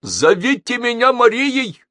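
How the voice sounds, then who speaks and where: A bossy, energetic grandmother, as a male reader puts her on, her raised, shouting voice pitched well above his own. She insists loudly and never backs down in this audiobook story. The recording is dry and close. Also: a little slow, no room sound, exaggerated voice.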